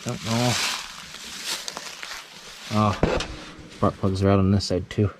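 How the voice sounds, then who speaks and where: A man's voice: lowish voice, steady tone, takes it slowly, heavy background noise. Rambling man musing about an old truck. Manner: rambling, thinking aloud with many fillers. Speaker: channel host. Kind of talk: casual vlog commentary.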